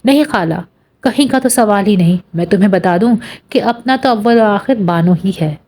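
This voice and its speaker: A woman's voice: mid-range voice, lively intonation, normal speed, darkish tone, lightly acted. A woman voicing an eager, earnest young man who pleads impatiently to be allowed to marry the girl he loves, in an audiobook reading. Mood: earnest pleading.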